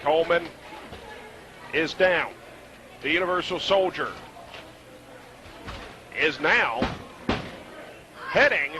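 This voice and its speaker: A man calling a live wrestling match as play-by-play commentator, excitable, in short punchy calls. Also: high voice. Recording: noisy live event recording.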